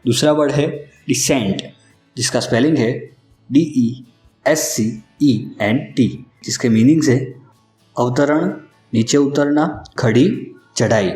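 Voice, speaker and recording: A man giving a scripted vocabulary lesson, spelling out each word slowly and carefully, letter by letter. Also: mid-range voice, a little mellow. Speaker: English vocabulary teacher. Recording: echoey room with faint music underneath.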